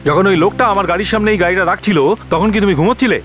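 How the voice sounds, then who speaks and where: A man's voice: high-pitched, very fast, fairly bright tone, slight background noise. An actor playing a stern, impatient man who scolds and gives orders in a dubbed TV crime drama. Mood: irritated.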